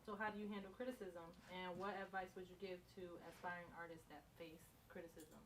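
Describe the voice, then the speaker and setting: A woman interviewing a guest with brief, direct questions and quick acknowledgements. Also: on the low side, steady tone, a little hiss or hum.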